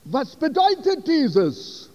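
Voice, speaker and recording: A man's voice: very high-pitched, wildly swooping pitch, slow pace, a little mellow, big-room sound, lo-fi sound, pitched above the performer's own voice, heavily acted. A man voicing a tearful young bride at her wedding, asking pleading questions.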